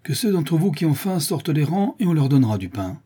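A man's voice: fairly low pitch, animated, dark tone, husky, heavily acted. A man voicing a proud older nobleman who speaks firmly and evenly to a crowd. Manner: firm and measured.

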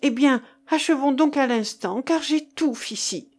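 A woman reading the lines of a frightened, cautious young man, hushed and wary, in an audiobook. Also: a little high, lively intonation, unhurried. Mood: uneasy.

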